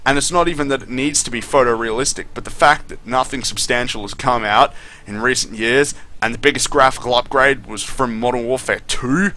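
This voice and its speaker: A man's voice: medium pitch, fairly quick, bright, forceful tone. A man doing casual gameplay commentary, complaining and swearing in a disgruntled way. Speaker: gaming commentator.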